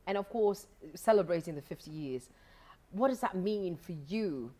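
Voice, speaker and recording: A middle-aged woman hosting a television studio interview, asking questions in a halting way with frequent restarts, on a lapel mic. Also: on the low side, animated, dark tone. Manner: halting, many restarts and fillers. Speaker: TV host. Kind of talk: studio interview, switching languages. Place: TV studio, indoors.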